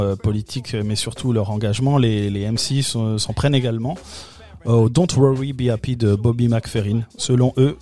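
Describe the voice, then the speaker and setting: A French man presenting a film segment in a casual radio chat, halting often with fillers and restarts. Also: medium pitch, dark tone. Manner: hesitant, many fillers and restarts.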